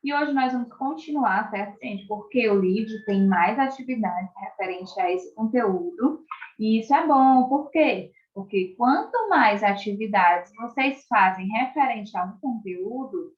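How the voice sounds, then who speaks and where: A Brazilian woman with a slightly high voice teaches young children through an online video lesson. She speaks slowly and with great clarity, stretching out key words and checking in with her class. The recording sounds echoey and muffled, like a home room captured on a modest mic. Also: animated. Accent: Brazilian Portuguese. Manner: slow, clearly articulated, stretches out words for children; keeps checking in with tag questions. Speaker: primary school teacher.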